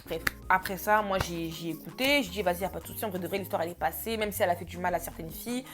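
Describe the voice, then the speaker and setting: A woman's voice: on the low side, rapid-fire, soft background music. A young woman vlogger telling a story in a casual, chatty, slangy way, full of fillers.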